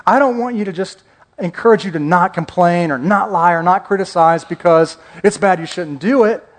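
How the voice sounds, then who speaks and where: A man's voice: high voice, moderate pace. A male pastor preaching a conversational sermon, joking and asking the congregation questions.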